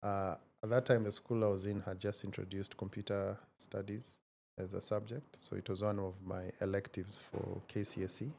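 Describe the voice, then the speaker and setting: A man in his forties with a low, gravelly voice talks through his story at a measured, thoughtful pace. He pauses often to find his words, and a faint hiss of noise sits under the recording. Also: flat delivery, a little mellow. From Kenya. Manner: measured and reflective, many hesitations. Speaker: guest, tech founder. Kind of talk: casual interview conversation.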